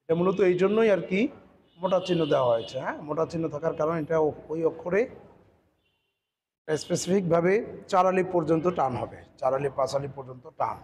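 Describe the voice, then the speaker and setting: A man teaching Quran pronunciation, patiently repeating words slowly and stretching the sounds. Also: fairly high pitch, a little mellow, long reverb tail. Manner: patient, drills words by slow drawn-out repetition. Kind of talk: tajweed pronunciation lesson.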